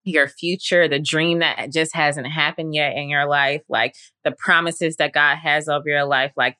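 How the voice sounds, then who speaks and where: A woman's voice: deep voice, sharp tone, no room sound, studio quality. A woman hosting a faith podcast, talking earnestly and conversationally with lots of fillers. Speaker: podcast host.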